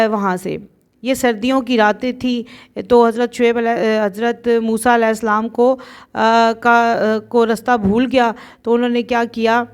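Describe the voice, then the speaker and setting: A woman hosting her channel and telling a religious story in a hesitant way, with many drawn-out fillers. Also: a little high, smooth.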